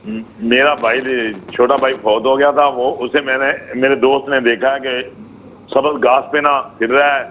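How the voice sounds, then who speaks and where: A man from Pakistan calling in by phone, haltingly describing dreams and stumbling over his words. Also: medium pitch, steady tone, slight background noise. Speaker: caller. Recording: muffled phone call.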